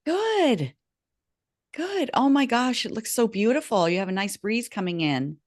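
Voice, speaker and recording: A woman hosting a podcast interview over a video call, chatting casually and reacting with soft, effusive affirmations. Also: a little high, expressive, unhurried, dry recording, studio quality. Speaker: podcast host.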